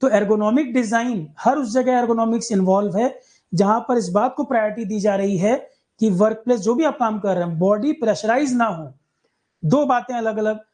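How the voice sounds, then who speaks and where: A man's voice: extremely high pitch, a little mellow. A man teaching an exam-prep lecture in Hindi, explaining points through everyday examples and talking directly to his students.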